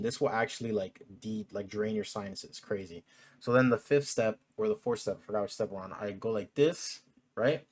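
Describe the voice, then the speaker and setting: In a relaxed, talkative vlog, a man in his 20s leans heavily on "um" and "like" as he speaks. He has a slightly mellow, mid-range voice.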